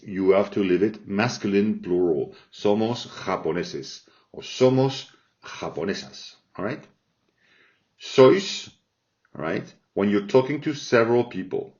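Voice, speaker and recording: A man teaching a Spanish grammar lesson in English, explaining slowly and patiently and checking in with "all right?" after each point. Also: lowish voice, a little mellow. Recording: dull lo-fi sound.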